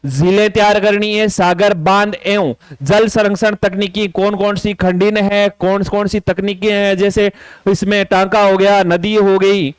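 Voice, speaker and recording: A man's voice: high voice, fairly even intonation, measured pace, clean tone, no echo. A man teaching as an exam coaching tutor, walking through a syllabus list and repeating key instructions. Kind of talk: syllabus walkthrough lecture.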